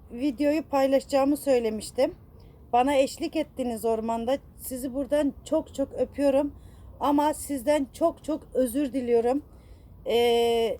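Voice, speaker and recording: A woman's voice: high-pitched, dark tone. A woman vlogger in a casual apology to her viewers, upset and self-reproaching, rambling with many fillers and affectionate toward her audience. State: distressed.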